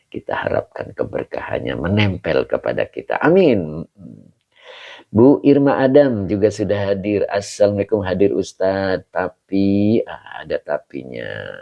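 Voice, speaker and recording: A man's voice: low-pitched, creaky, dull audio. A man, an Islamic preacher, greeting viewers on a live stream, reading their comments aloud and answering with prayers and chuckles.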